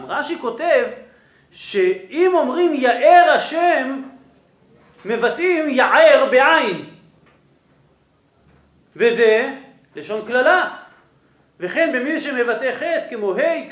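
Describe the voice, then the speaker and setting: High-voiced rabbi teaching in an echoey room. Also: male voice, a bit bright. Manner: explanatory, checks in with rhetorical "right?". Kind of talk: Torah lesson. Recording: roomy echo.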